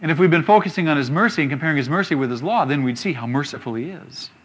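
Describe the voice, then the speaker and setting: Emphatic preacher man, slightly high voice. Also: expressive, a bit bright, slightly rough. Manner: emphatic, with rhetorical questions and slow scripture reading. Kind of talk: sermon.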